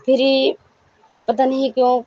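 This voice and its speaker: A woman's voice: high-pitched, flat delivery, warm tone, no echo, highs cut off. A middle-aged woman giving a rambling, worried personal testimony to a devotional congregation, pleading in prayer.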